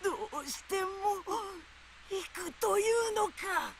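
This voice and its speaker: An actress playing a desperate, stern old woman with a hoarse voice in a Japanese horror game. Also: very high voice, lively intonation, a little hiss or hum, heavily acted. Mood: grim pleading. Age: older. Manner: slow, commanding. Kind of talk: Japanese video game voice acting.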